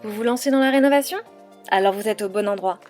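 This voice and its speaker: Soft music plays behind this podcast host, an interior architect whose show covers home renovation. Talking fast at a medium pitch, she delivers an upbeat scripted intro and then eases into a laid-back interview conversation.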